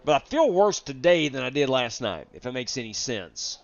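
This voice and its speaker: A man's voice: medium pitch, sing-song, normal speed. A man hosting a live sim racing stream, chatting casually with viewers while sick and feeling drained. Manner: chatty, greets viewers from chat, rambling with fillers. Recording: dull, lo-fi dry stream audio.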